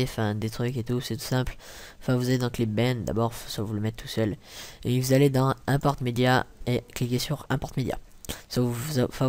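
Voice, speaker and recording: A young man talking through a casual software tutorial, rambling with many fillers and self-corrections, muttering asides and apologizing for swearing. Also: mid-range voice. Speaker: tutorial maker. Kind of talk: casual screen-recording tutorial.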